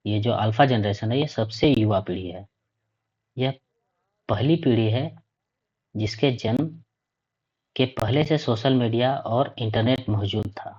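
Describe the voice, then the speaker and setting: The voice is a man's, mid-range, darkish and slightly rough, teaching a class. He reads points aloud, then explains, often repeating 'ठीक है' ("okay") to check in. Audio quality is dull and lo-fi.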